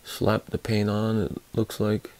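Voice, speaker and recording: Slow, gravelly-voiced man reviewing tools. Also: lowish voice, monotone, darkish tone. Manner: unhurried, hesitant, many fillers and restarts. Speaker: tool reviewer. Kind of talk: casual hands-on product review.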